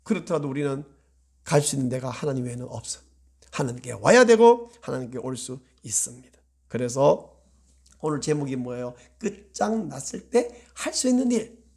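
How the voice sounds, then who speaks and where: Animated, gravelly-voiced male pastor preaching. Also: medium pitch, normal speed. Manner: animated preaching, acts out prayers with swings from loud to hushed. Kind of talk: sermon.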